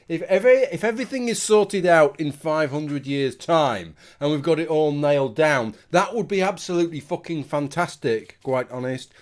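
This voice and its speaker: A British man giving a casual, rambling opinion monologue to his viewers in a tipsy, sweary manner. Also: a little high. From United Kingdom. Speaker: video commentator.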